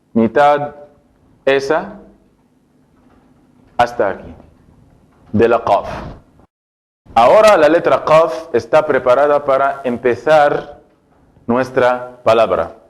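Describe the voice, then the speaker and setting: Slow patient male Arabic teacher. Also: mid-range voice, expressive. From Egypt. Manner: slow, patient, repeats sounds for drilling. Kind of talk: slow board lesson for Spanish speakers.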